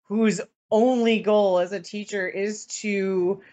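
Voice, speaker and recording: Rambling, tired woman podcaster, mid-pitched voice. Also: steady tone, slow pace, darkish tone. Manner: rambling, hesitant, many false starts. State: mentally fried, tired. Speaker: podcast co-host. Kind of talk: casual live-stream chat.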